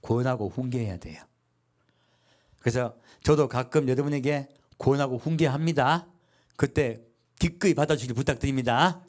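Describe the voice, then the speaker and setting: A man's voice: mid-range voice, moderate pace. A man preaching a sermon as pastor, asking his congregation questions and answering them himself. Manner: lively preaching with call-and-response questions and acted quotes.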